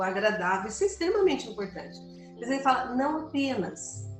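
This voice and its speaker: A woman co-hosting a spiritist book study, explaining her points calmly with everyday examples. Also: fairly high pitch. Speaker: study group host. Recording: roomy sound with soft music.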